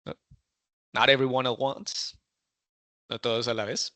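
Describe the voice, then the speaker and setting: Male workshop teacher with a Latin American accent, a very bright tone in a dry room, and a chatty, question-checking delivery. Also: medium pitch, flat delivery, unhurried, no room sound. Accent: Latin American Spanish. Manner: switches between languages, asks the group for answers, many fillers. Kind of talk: bilingual classroom instruction.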